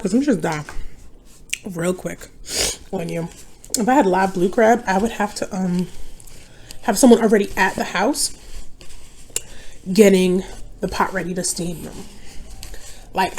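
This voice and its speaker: A woman's voice: medium pitch, darkish tone. Chatty young woman rambling over a meal. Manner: rambling, chatty, addresses viewers as y'all. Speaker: mukbang vlogger. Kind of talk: casual chat while eating.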